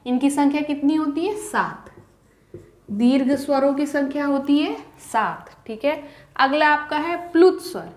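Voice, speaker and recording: A woman teaching a grammar lesson to students, asking the class questions and then answering them herself, and drawing out the example vowel sounds slowly. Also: high voice, animated. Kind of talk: Hindi grammar lecture to students. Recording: roomy echo.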